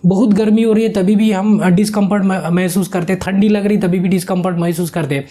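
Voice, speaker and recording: A man's voice: high-pitched, steady tone, fast, warm tone. A man teaching online, explaining exam quiz answers and repeating questions back to his viewers. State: sweating from heat.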